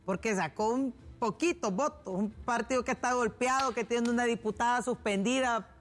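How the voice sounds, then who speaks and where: A woman's voice: on the high side, normal speed. Insistent woman radio co-host. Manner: insistent, argumentative, repeats her points. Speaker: radio talk show co-host. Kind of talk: political debate on radio.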